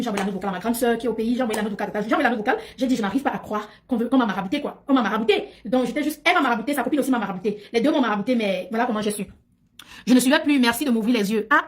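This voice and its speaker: Woman, very fast, higher voice, emphatic, repetitive livestream chatter. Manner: talkative, emphatic, repeats phrases. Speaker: livestream host. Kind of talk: casual livestream chat.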